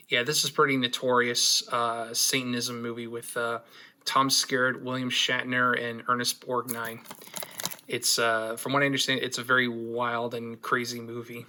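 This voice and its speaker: A man's voice: medium pitch, pushed and bright, slight background noise. A man hosting his own unboxing video, chatting casually with lots of fillers and dry, sarcastic asides.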